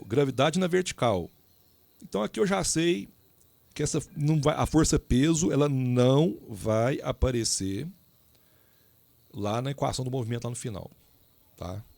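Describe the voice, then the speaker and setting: A male professor talks his students through mechanics problems in a relaxed, conversational way, often breaking off and restarting as he goes. His voice is gravelly, with a fry in it. The sound is dry and close, with no room around it. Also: a little high, moderate pace, pauses often, dry recording. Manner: informal, talks straight to students with many asides and restarts. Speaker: engineering professor. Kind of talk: recorded lecture.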